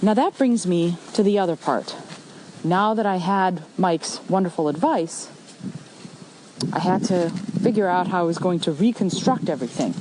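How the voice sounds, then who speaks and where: A middle-aged woman hosting a solo podcast outdoors, talking conversationally and telling her story emphatically and deliberately. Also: lowish voice. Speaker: podcast host. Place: outdoors with passing cars and machinery. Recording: faint traffic and machine noise outdoors.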